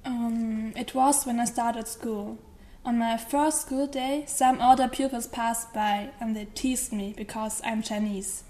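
A woman from Germany answers interview questions. Her voice is higher than average and has a mellow, dark tone. Her delivery is reflective and measured. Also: fairly even intonation.

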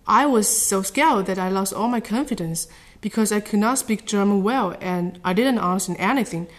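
A woman from China whose first language is Chinese, answering interview questions carefully in a somewhat halting, earnest way. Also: medium pitch. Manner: careful, earnest, slightly halting non-native phrasing.

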